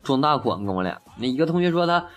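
A man's voice: medium pitch, sing-song, quick pace, fairly bright tone. A man casually telling a string of jokes, acting out the quoted lines and laughing at his own punchlines. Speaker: joke teller. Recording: faint music behind.

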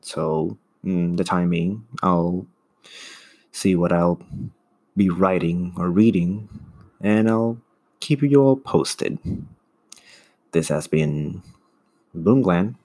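A man's voice: low-pitched, slow pace, pauses often, warm tone. A man hosting his own podcast, talking earnestly in a casual monologue and often restarting to find his words. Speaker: solo podcast host.

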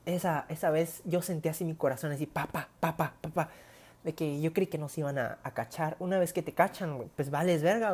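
A woman's voice: low voice, slightly rough. A young woman with a Mexican Spanish accent, casually telling stories to her viewers in a chatty, slang-heavy way. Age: young adult. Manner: chatty, slangy, animated retelling with whispered asides. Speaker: vlogger. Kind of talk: casual storytelling to camera.

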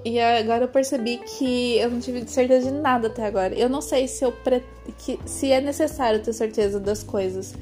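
A woman's voice: on the high side, mellow. Hesitant young woman vlogging over music. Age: 20s. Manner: rambling, hesitant, confessional, many fillers. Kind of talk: casual personal vlog. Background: background music.

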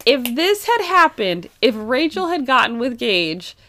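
A woman's voice: high-pitched, big pitch swings, very noisy. Slangy joking woman co-host. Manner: quick agreeing interjections, slangy jokes, laughs. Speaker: podcast co-host. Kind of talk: casual movie recap chat.

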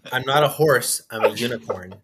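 A man talks casually as a player in a tabletop game. His pitch is average and his manner dry and sarcastic. Faint noise sits behind the recording. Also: fairly quick.

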